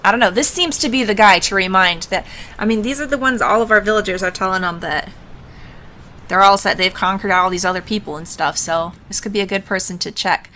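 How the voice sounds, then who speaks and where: A woman's voice: medium pitch, a little fast, bright, forceful tone, a little hiss or hum. A woman hosting a casual let's play, musing aloud informally as she comments on the game. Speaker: gaming host.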